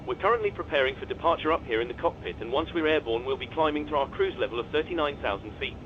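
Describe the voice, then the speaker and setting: A brisk captain over the cabin intercom. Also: male voice, a little high, animated, dull audio, noisy background. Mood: reassuring. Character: calm male airline captain addressing passengers. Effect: cabin intercom announcement. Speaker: airline captain. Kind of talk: scripted passenger announcement.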